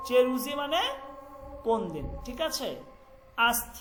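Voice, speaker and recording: Slow-paced, high-voiced male language teacher. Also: big pitch swings, fairly bright tone, slight background noise, poor audio. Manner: slow, repetitive, asks students to repeat. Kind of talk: online language class in Bengali.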